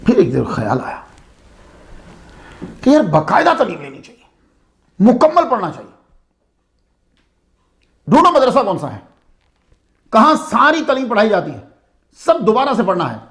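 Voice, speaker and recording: A man's voice: high voice, huge pitch swings, pauses often, fairly bright tone. A man telling a saint's story as a sermon-style lecture, in a conversational way that asks the listeners questions. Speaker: religious speaker.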